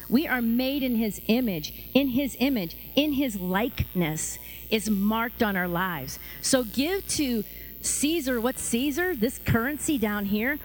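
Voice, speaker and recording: A woman's voice: slight background noise, low-quality recording. A woman preaching a sermon in a conversational style, acting out the voices of the people she quotes and often repeating and restarting her phrases. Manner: lively, acts out quoted voices with big pitch jumps.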